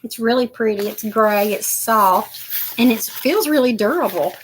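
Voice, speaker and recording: A woman's voice: on the high side, expressive, unhurried, a little hiss or hum. An older woman chatting casually and rambling to viewers as she unboxes craft supplies. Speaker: crafting vlogger.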